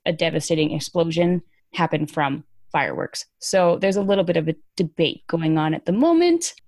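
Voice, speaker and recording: A woman gives casual news commentary as a podcast host. She is informal and emphatic, with a gravelly creak in a slightly low voice. The recording is dry and close. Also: lively intonation, normal speed, a little mellow, dry recording.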